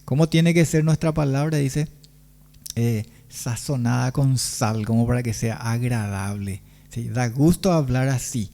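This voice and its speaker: Slow, mellow-voiced Paraguayan pastor. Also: male voice, mid-range voice, creaky. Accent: Paraguayan Spanish. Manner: slow, pausing preaching with rhetorical questions. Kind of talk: sermon.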